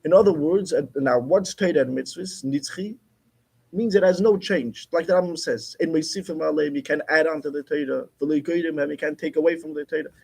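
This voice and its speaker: A man's voice: on the high side, a little fast, gravelly, a little mellow, husky. A man teaching a class, explaining emphatically and repeating his key points. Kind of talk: Torah class lecture.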